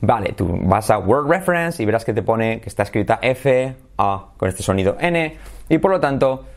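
Expressive and medium-pitched, a Spanish-speaking man gives a video lesson on English pronunciation. He slowly demonstrates words and checks in frequently with "¿vale?" and "¿sí?".

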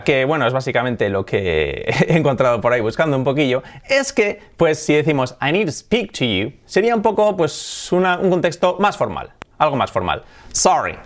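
A man with a Spanish accent from Spain hosting a casual English lesson, drilling pronunciation by repeating words. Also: mid-range voice. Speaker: English teacher and host.

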